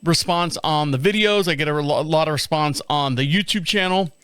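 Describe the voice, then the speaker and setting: A man's voice: a little high, a little fast, fairly bright tone, clean tone, dry recording. A man in his fifties hosting a solo podcast from a studio, rambling and repeating himself, laughing often. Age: 50s. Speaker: podcast host. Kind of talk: casual solo monologue.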